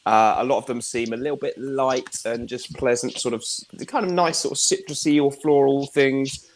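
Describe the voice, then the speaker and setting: A man's voice: mid-range voice, moderate pace, slight background noise. Hesitant, apologetic man. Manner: hesitant, apologetic, many fillers. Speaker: guest reviewer. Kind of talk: casual group chat.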